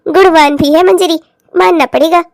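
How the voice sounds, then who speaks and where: Chatty middle-aged cartoon aunt, gushing, very high voice, close dry sound. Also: female voice, fairly even intonation, moderate pace, dry recording. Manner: gushing, talkative.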